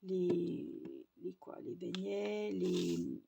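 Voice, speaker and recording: Chatty mum, lowish voice. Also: female voice, steady tone, moderate pace, warm tone, a little hiss or hum. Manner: chatty, rambling with many fillers and restarts. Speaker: vlogger. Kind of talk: casual chat to viewers.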